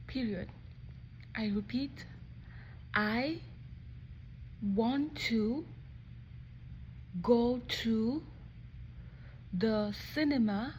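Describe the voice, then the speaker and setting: A woman giving a slow school dictation, reading a word or short phrase at a time with long pauses. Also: fairly high pitch, slight background noise, rough recording. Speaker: English dictation teacher.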